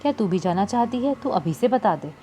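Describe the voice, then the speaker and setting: A woman's voice: medium pitch, expressive, normal speed, mellow, close to an everyday voice. A woman voicing a lonely, grieving older woman who speaks plaintively in an audiobook. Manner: plaintive, tearful.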